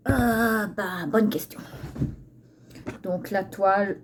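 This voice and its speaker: A woman's voice: medium pitch, fairly even intonation, drawn-out words. A woman with a lisp that makes her s slushy, chatting hesitantly as she thinks aloud through a craft tutorial, recorded on a phone. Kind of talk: casual unscripted tutorial chat. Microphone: phone used for filming. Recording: phone recording with faint background noise.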